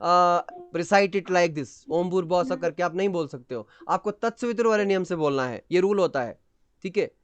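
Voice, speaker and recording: A man's voice: high-pitched, normal speed, clear, resonant tone, no room sound. A man teaching an astrology class over a video call, explaining patiently, mixing in English terms and checking that students follow. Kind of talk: online class lecture.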